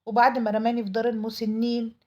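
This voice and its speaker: Woman, Egyptian Arabic accent, dramatic storytelling, fast-talking, warm dark tone. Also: a little high, level tone. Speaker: storyteller narrating a mother's tale. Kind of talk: dramatic first-person storytelling.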